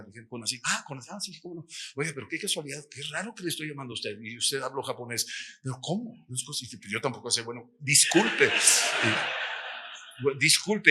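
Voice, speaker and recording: Man, Mexican accent, middle-aged, testimony sermon, animated storyteller, piercing tone, husky edge. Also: medium pitch. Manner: animated storytelling, acts out dialogue. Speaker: missions workshop speaker.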